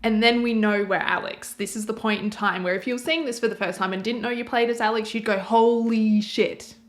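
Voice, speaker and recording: A young woman chatting casually as she reacts to a game trailer, rambling and thinking out loud. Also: medium pitch, fast. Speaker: reaction video host.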